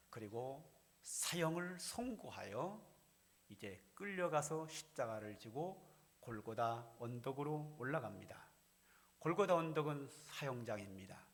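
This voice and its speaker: Man preaching an expository sermon. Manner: expository preaching, dramatizing quoted voices with pitch jumps. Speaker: senior pastor. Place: church sanctuary.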